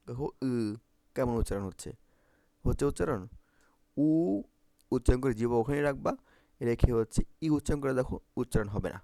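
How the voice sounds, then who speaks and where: A man's voice: mid-range voice, dark tone, no echo. A man teaching Bangla phonetics for exam prep, repeating vowel sounds and often checking if students follow.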